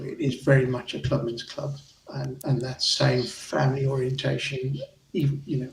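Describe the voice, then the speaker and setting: Zimbabwean man, gravelly, off-mic echo. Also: mid-range voice, distant mic, a little hiss or hum. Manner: hesitant, restarts phrases, friendly. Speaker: guest, racing club vice chair. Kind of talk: casual interview chat.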